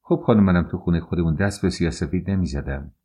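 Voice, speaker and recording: A man reading the lines of a proud, sulky young wife in an audiobook, answering fast and curt. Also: sits low, mellow, breathy edge. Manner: quick, curt retorts.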